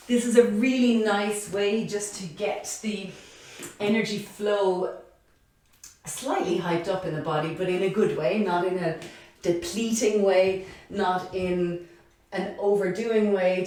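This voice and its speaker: A woman's voice: mid-range voice, slow, dark tone, recorded from a distance. Echoey, breathless woman yoga teacher. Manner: chatty, encouraging, self-deprecating, counts reps aloud. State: out of breath while exercising. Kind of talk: guided yoga class instruction. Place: yoga studio.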